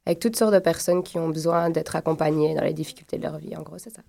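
A young woman from Belgium speaking with a Belgian French accent, a guest in a casual interview. Her voice is low and gravelly, and she answers in a modest, plain way. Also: steady tone, fast talker, dark tone. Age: young adult.

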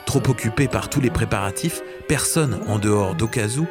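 Guy reading a kids storybook, lively and clear, music playing under him. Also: on the low side, moderate pace. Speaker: narrator. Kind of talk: scripted storybook narration.

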